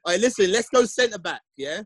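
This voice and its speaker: Animated London roadman, high-pitched. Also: fairly quick, slight background noise. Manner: slangy, animated, insistent street talk. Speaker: podcast host. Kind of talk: casual football debate.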